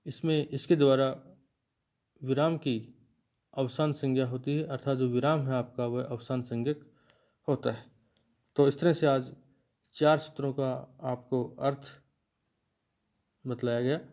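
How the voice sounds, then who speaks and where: A man teaching Sanskrit grammar to students, explaining slowly and restating each point in a lecture style. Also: mid-range voice, dark tone.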